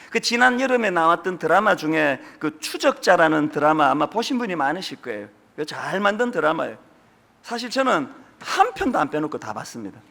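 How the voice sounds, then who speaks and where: Man, 50s, pastor, sermon, chatty storytelling, very animated pitch. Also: gravelly. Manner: lively anecdotal storytelling, chatty asides.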